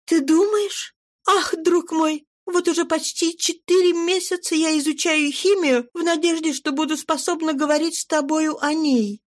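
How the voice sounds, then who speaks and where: A woman's voice: extremely high pitch, steady tone, moderate pace, voice pushed up. A woman reader raising her voice to play a devoted, anxious wife who speaks fervently and pleadingly.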